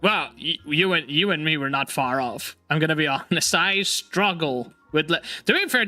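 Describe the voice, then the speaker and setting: A streamer with a slightly high voice hosts a casual chat stream, laughing often and teasing in an animated way. English is not his first language.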